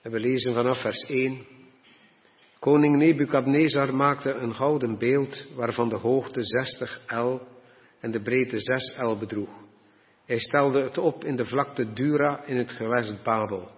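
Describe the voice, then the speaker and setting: Earnest preacher in a reverberant hall. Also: male voice, mid-range voice, steady tone. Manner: earnest, slows down to stress words. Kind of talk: sermon with scripture reading. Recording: dull sound with long hall reverb.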